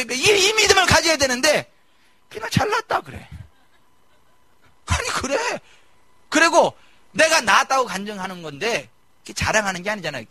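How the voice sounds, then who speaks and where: A male pastor giving a lively sermon, mimicking people and shouting his emphases. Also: very high-pitched, dry recording. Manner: animated preaching, mimicking congregants, shouting emphases. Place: church sanctuary.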